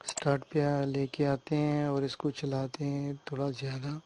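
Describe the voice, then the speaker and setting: A man giving a screen-recorded software tutorial, explaining step by step and often checking that the listener follows. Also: medium pitch, completely flat delivery, slight background noise. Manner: hesitant fillers and restarts while working on screen.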